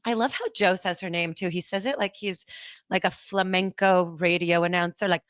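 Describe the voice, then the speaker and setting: Brief: woman in her thirties, podcast host, lively storyteller, dry close sound. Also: lowish voice, normal speed, clean tone, no echo. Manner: animated storyteller, acts out quotes. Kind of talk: casual chat.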